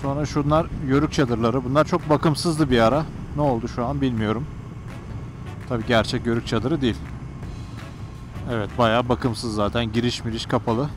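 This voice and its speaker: A man's voice: mid-range voice, fairly even intonation, moderate pace, over music. Chatty man riding a motorcycle. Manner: chatty, joking, talks straight to viewers. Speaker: motovlogger. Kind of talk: casual running commentary while riding. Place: outdoors on a motorcycle on country roads.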